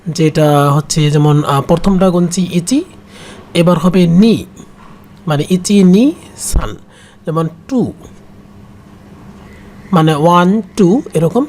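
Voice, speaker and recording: A patient language teacher works through a beginner kanji lesson at an unhurried, slow pace. Each new word is repeated several times for the learner. A faint background noise runs under the voice. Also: mid-range voice, a little mellow.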